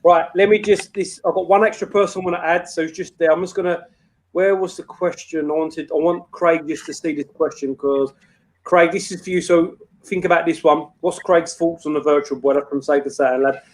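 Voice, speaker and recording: A man's voice: fairly high pitch, fairly even intonation, a little fast. A man hosting a casual livestream in a matey, rambling, sweary way. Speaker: livestream host.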